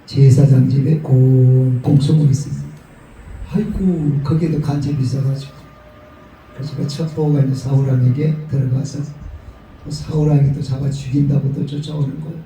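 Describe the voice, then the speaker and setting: A pastor from Korea's Gyeongsang region, with a Gyeongsang Korean accent, delivers a sermon in a prayer retreat hall as a lively storyteller who acts out quotes. His tone is dark and gravelly, at a moderate pace. He's off and distant from the mic, with a booming, very echoey hall sound and slight background noise.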